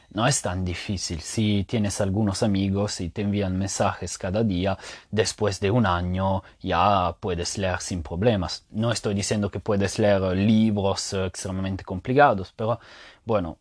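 Guy with a lowish voice doing a chill podcast lesson, lots of eh and ¿no?, slows down to spell out examples, pretty dry sound. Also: steady tone, breathy edge, no room sound. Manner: thinks aloud, with frequent "eh" pauses and "¿no?" tags; spells out examples slowly and repeats key points. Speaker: podcast host teaching Spanish. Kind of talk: casual explanatory monologue.

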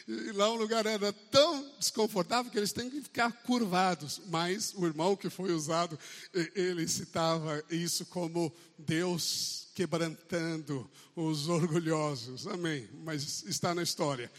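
A man's voice: high voice, steady tone, measured pace. A man preaching a sermon in a church service, with a Brazilian Portuguese accent, emphatic and often calling for amens. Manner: emphatic, calls out for amens, acts out quotes. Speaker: pastor. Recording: long church hall reverb.

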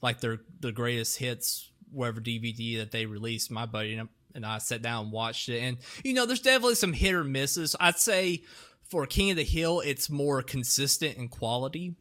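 A man's voice: mid-range voice, normal speed, pushed and bright. A young man hosting a casual podcast, rambling with lots of fillers and laughing often. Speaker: podcast host. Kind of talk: casual chat.

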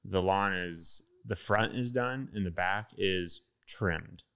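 Deep smooth-voiced man telling a story. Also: slow, pushed and bright. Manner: easygoing storytelling, wry. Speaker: guest. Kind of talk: casual chat.

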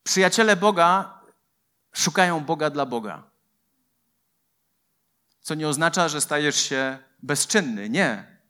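A man's voice: fairly high pitch, lively intonation, slow pace, long pauses, pushed and bright, clean tone. A man preaching a sermon as a pastor, emphatic and mixing in personal stories.

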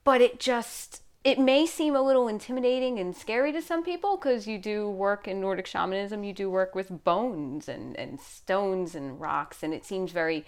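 A woman's voice: mid-range voice, expressive, moderate pace, hardly any pauses. A woman with a New York accent, speaking earnestly and reflectively in a casual conversation. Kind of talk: casual chat.

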